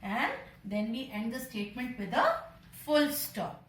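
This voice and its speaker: A woman's voice: a little high, sing-song, a little slow, recorded from a distance, a little hiss or hum. A woman with an Indian English accent, a primary school teacher patiently explaining punctuation to young children. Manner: patient, addresses children directly. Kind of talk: slow classroom explanation. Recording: echoey room, voice from off-mic.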